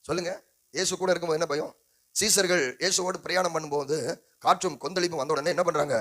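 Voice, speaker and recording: Here a man's fairly bright, somewhat high voice holds a steady tone as he preaches quickly, pastor to congregation, with a Tamil accent. Repeated phrases rise rhythmically while he prompts listeners to answer back in call-and-response fashion.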